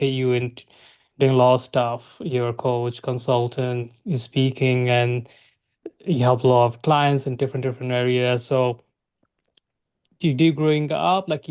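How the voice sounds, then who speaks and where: A man's voice: mid-range voice, darkish tone, smooth. A man hosting an interview podcast, talking eagerly with loose grammar and frequent "like". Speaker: podcast host.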